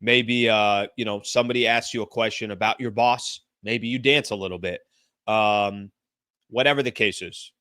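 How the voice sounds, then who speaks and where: A man's voice: on the low side, steady tone, moderate pace, sharp tone, dry recording, studio quality. A man hosting a sports talk show, giving an emphatic monologue with repeated rhetorical phrases and casual fillers. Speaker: sports podcast host.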